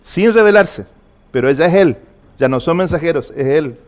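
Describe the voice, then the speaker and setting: A man's voice: fairly high pitch, animated, normal speed. A man preaching a sermon, earnestly asking the congregation repeated personal questions. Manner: earnest, repetitive questions to the listener.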